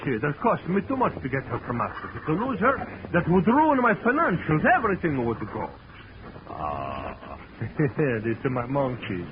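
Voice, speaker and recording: In a 1940s radio play, an excitable Italian circus owner, agitated and proud, gushes fondly in broken English, his medium-pitched voice swinging up and down at a normal speed. The old recording sounds dull and noisy.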